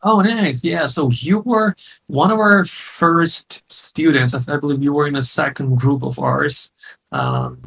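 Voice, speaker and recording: A man's voice: on the high side, unhurried, gravelly, a bit bright. A man hosting a casual online interview, upbeat and chatty, laughing easily. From came to the US in 2009. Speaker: host and course founder.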